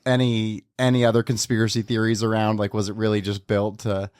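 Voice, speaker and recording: A man's voice: fairly low pitch, brisk, smooth, no echo. Chatty male podcast host, dry sound. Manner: animated storyteller, chatty and energetic. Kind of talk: casual podcast chat.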